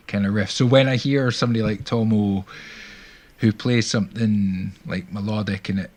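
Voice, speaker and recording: A man's voice: on the low side, fairly even intonation, moderate pace, a little mellow. A man hosting a music stream, chatting casually and rambling a little with restarts. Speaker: stream host. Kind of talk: casual chat.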